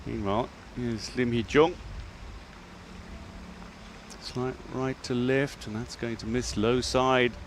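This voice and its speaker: A man's voice: mid-range voice, fairly even intonation, slow, pauses often, slight background noise. A man working as a golf commentator, giving live commentary on a tournament.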